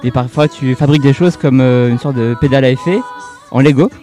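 Mellow-voiced man hosting live radio. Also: mid-range voice, fairly quick, faint music behind. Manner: relaxed, casual, laughs easily. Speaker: radio host. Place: outdoor festival park.

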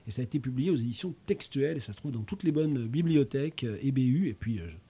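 A man's voice: medium pitch, expressive, quick pace, warm tone, husky. A man in his fifties with a regional French accent, hosting a casual chat, hesitant, with many fillers and restarts. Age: 50s. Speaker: host.

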